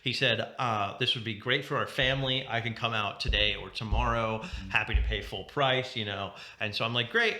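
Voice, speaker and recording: A man's voice: on the low side, sharp tone. A young man on a podcast, telling a rambling story with lots of laughs and asides. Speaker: podcast co-host. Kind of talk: casual chat. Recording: roomy echo.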